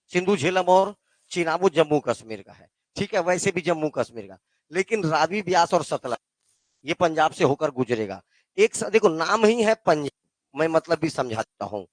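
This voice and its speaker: A man's voice: a little high, no room sound. A male teacher with a Chhattisgarh Hindi accent, giving a classroom geography lesson and quizzing his students with call-and-response questions. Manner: addresses students as "beta".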